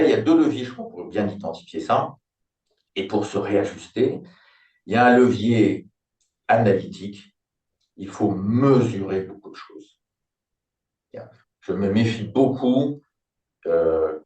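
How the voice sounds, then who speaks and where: Older French-speaking consultant type, thoughtful and explanatory, recorded off-mic in an echoey room. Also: male voice, on the low side, darkish tone. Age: 60s. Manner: reflective, explanatory, thinks aloud with homely examples. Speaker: business turnaround consultant, company founder. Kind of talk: conversational interview. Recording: roomy, distant mic.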